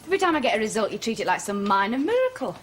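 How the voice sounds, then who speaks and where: A woman's voice: on the high side, huge pitch swings. An actress playing a composed female police inspector who speaks firmly and measuredly in a British TV police drama. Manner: firm, measured, authoritative.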